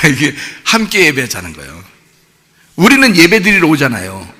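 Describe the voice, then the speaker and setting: Man, pastor, sermon, slightly high voice, bright tone, reverberant church hall. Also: normal speed. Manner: animated preaching, asks the congregation questions and acts out quotes. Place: church sanctuary.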